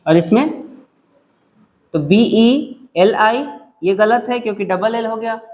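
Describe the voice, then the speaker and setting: A male teacher, taking students through spelling in an exam-prep English class, repeating words slowly syllable by syllable. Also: sits high, darkish tone.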